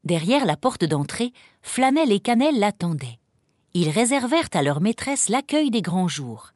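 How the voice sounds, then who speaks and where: A woman narrating a children's Christmas story aloud in an expressive, lively storybook reading. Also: medium pitch, moderate pace. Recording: dry close recording.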